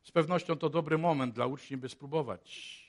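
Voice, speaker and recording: A man preaching a sermon in a chapel, moving between hushed and loud passages and asking many rhetorical questions. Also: fairly high pitch, moderate pace.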